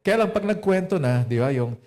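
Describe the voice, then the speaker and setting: Mellow-voiced man preaching with rhetorical questions. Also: sits high, lively intonation, brisk. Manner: rhetorical questions, acts out quoted dialogue. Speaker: pastor. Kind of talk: sermon.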